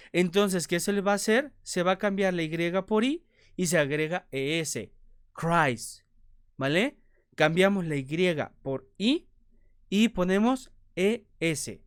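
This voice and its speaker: A male teacher walks viewers through a grammar lesson at an unhurried pace. His voice is smooth and clear, recorded dry with no room sound. He keeps asking questions aloud, answers them, and checks that everyone is following. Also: sits high, dry recording. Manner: repeats points, checks understanding with "ok?". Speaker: English teacher.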